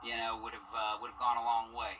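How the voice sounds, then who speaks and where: A man's voice: mid-range voice, level tone, moderate pace, recorded from a distance, lo-fi sound. A man answering casually as a local interviewee, with hesitant phrasing. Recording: noisy, off-mic ambience.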